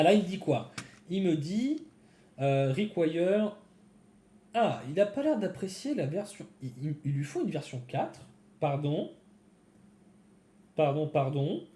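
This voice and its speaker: A man with a fairly high, mellow voice talks his viewers through a live-coding session, thinking aloud and chatting as he goes. The sound is roomy, with a noticeable echo around him. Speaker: developer streaming a coding session. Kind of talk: casual live-coding commentary.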